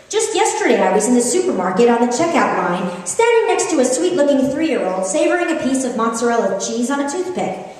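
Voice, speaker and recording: In a hall-like room with a long echo tail, a middle-aged American woman reads live from her own work, captured by a mic placed far from her. She speaks at a medium pitch, conversational and expressive, like someone telling a funny story at a reading event.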